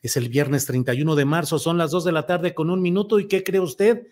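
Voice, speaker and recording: A Mexican man hosts a talk show, opening the segment and handing off to each panelist in a conversational way. His voice sits a little high for a man. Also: a little fast, a little mellow. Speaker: host.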